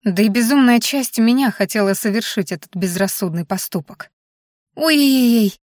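A woman reading an audiobook aloud, giving the characters' lines a lively lift. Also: mid-range voice, fairly quick, no echo, studio quality. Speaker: audiobook narrator. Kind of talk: scripted audiobook narration.

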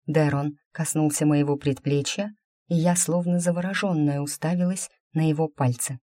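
A woman reading a first-person fantasy novel aloud, in a wry, even storytelling manner. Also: low-pitched, normal speed, no room sound, clean studio sound. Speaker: audiobook narrator.

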